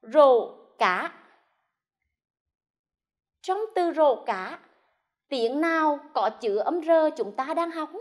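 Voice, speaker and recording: A woman teacher from central Vietnam leads a first-grade lesson on television. Her voice sits high, and she speaks at an unhurried pace. She pronounces each sound clearly and draws it out for young children. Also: lively intonation. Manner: slow, clear, drawn-out enunciation for young children. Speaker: primary school teacher.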